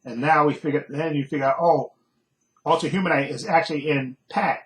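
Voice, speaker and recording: A man's voice: a little high, steady tone, a little fast, a bit bright, rough recording. A man casually recapping a TV episode as a reviewer, rambling with fillers and frequent chuckles. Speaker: TV show reviewer.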